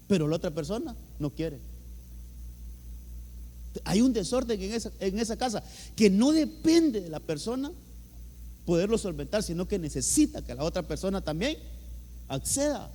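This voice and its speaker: A man with a Honduran accent delivers a sermon from the pulpit in a raised, high voice. He hammers each point by repeating key words and keeps addressing the congregation as brother. His voice rings out with a long reverb through the church hall. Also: very animated, normal speed, long pauses, warm tone, a little hiss or hum. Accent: Honduran Spanish. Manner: emphatic, repeats words, often says "hermano". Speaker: pastor.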